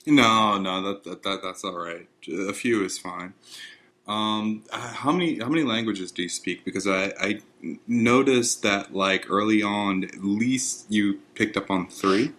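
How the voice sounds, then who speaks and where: A man hosting a casual podcast interview, halting a little and repeating words as he starts his questions. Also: fairly low pitch, fairly bright tone. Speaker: podcast host.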